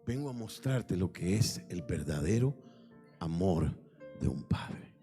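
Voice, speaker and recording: A man voicing a gentle divine father figure, speaking slowly with solemn reassurance. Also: low voice, expressive, vocal fry, soft background music, voice pushed down, full character voice. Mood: solemn consoling.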